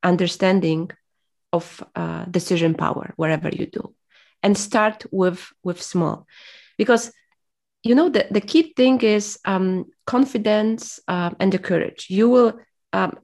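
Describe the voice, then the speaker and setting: This interview guest, a woman whose first language is Polish, has a mid-range, darkish voice. Her reflective, motivational talk is hesitant and packed with fillers while she looks for words.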